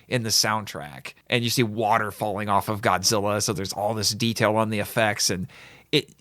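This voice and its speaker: A man hosting a podcast, chatting casually and eagerly about films, talking in quick bursts with small laughs. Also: on the low side, pushed and bright, no room sound, studio quality. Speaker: podcast host.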